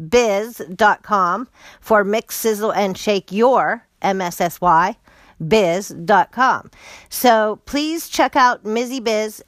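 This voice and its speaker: A woman hosting a podcast in a casual, chatty way, with a gravelly voice hoarse from a cold. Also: mid-range voice, fairly bright tone, no room sound. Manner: chatty, upbeat, spells things out slowly. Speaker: podcast host.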